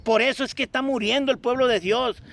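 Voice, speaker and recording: A man with a strikingly high-pitched voice preaches a sermon for an online broadcast. He exhorts the listeners fervently, circling back to the same phrases again and again. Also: steady tone, a little fast, fairly bright tone. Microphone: streamed broadcast.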